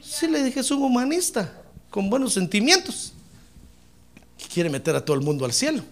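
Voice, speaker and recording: A man pastor preaching a sermon, emphatic and addressing listeners as brother, swinging from hushed asides to shouted praise. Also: very high voice, big pitch swings, normal speed.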